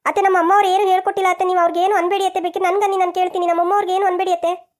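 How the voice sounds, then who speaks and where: A meek young wife, voiced by a woman in a cartoon, always apologizing and pleading. Her voice is very high and her talk runs fast. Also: little pitch movement. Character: meek, tearful young daughter-in-law. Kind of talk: cartoon voice acting.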